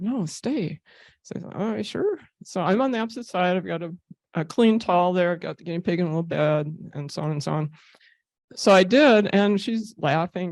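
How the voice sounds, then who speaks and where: A woman's voice: fairly low pitch, darkish tone, no echo. Chatty woman telling stories at a talk. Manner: chatty storyteller, laughs often, many fillers. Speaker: therapy animal volunteer giving a club talk. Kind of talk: casual presentation with slides.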